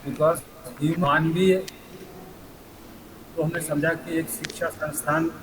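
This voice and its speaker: A man's voice: on the high side, flat delivery, background noise. A middle-aged man, a college principal, gives a formal welcome on a video call while his voice breaks up over a bad connection. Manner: formal, slow phrasing that mixes in English phrases. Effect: voice breaking up over a bad online connection.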